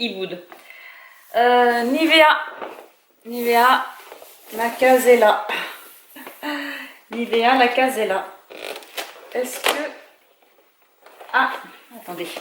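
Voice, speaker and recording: A woman's voice: a little high, fairly bright tone, slight background noise. A woman vlogger chatting casually at home, thinking aloud with small hesitations as she goes. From France. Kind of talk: casual chat.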